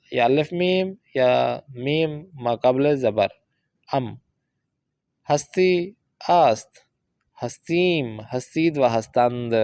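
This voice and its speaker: A man teaching a Persian course, explaining exercises and reading example sentences out slowly and carefully. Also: mid-range voice, a little mellow, no room sound. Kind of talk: language lesson explaining book exercises.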